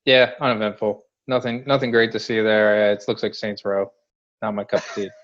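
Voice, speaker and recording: Lower-voiced male co-host, blunt and slangy. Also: level tone, a little fast, fairly bright tone, highs cut off. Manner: hesitant phrasing, blunt slangy opinions. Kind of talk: casual gaming commentary.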